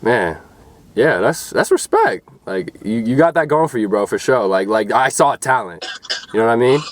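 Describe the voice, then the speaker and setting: A man's voice: medium pitch, lively intonation, normal speed, no echo. A man hosting his vlog in casual chat, easygoing and full of "like" and "bro", often repeating words. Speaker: vlogger host.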